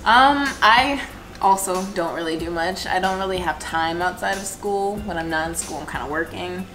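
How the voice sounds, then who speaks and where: A woman's voice: fairly low pitch, moderate pace, noisy background. A woman in her twenties chatting casually as a co-host in a group question-and-answer video. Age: 20s. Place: living room couch, indoors. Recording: music clearly behind voice. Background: background music.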